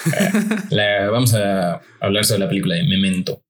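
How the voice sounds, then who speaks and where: A man's voice: low voice, normal speed. A man from Mexico with a Mérida accent, co-hosting a podcast in casual, joking chat and teasing his friend. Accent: Mérida, Yucatán Mexican Spanish. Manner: joking, teasing, laid-back. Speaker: podcast co-host.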